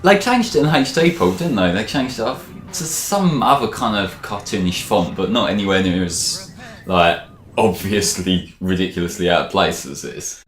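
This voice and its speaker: A man's voice: low-pitched, normal speed, roomy sound, slight background noise. A man giving casual commentary on a video game with a co-host, rambling with lots of fillers and frequent laughs. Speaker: let's play commentator.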